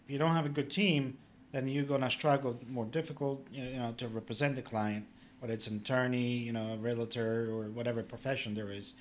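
A man's voice: medium pitch, fairly even intonation, a little fast, slight background noise. Man explaining plainly. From Poland. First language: Polish. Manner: plain-spoken and instructive, with filler "you know". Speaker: public adjuster, guest. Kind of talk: casual podcast interview.

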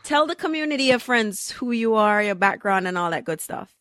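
A woman's voice: medium pitch, expressive, brisk, fairly bright tone, no echo. A woman with a mid-range voice hosts a podcast with enthusiastic, upbeat energy. Her audio is dry and close, with no room sound. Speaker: podcast host. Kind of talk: podcast interview hosting.

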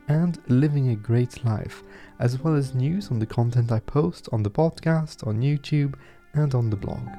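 A man guiding a meditation as host, speaking in a soft, slow, soothing way. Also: mid-range voice. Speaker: meditation podcast host and guide. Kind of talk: guided meditation narration.

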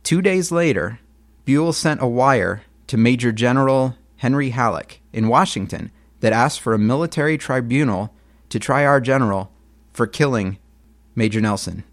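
Male storyteller, middle pitch, casual and blunt narration, dry close recording. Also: animated, moderate pace, dry recording. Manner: conversational, blunt, emphatic. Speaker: history storyteller.

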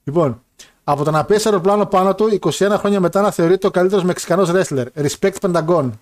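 A man's voice: high voice, darkish tone. A young man co-hosting a casual show, joking, laughing and rambling while he reads out listener messages. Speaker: podcast co-host reading listener messages. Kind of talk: casual banter about wrestling and football.

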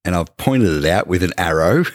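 A man co-hosting a podcast, casually pitching a product idea to his co-host with animated, acted-out dialogue. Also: moderate pace, no echo, studio quality.

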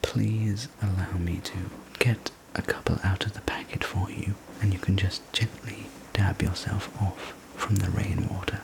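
A man telling a sleep story as a whispered role-play, gentle, soothing and unhurried, speaking as a server looking after a guest. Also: deep voice, steady tone, gravelly, poor audio. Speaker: sleep story narrator playing a night-shift diner server.

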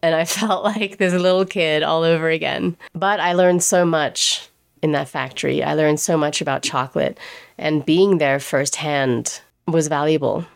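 A low-pitched woman with vocal fry, speaking at normal speed, tells her own story in a chatty monologue. She grew up in England and is a pastry chef, and she laughs often and quotes the people she met in dialogue.

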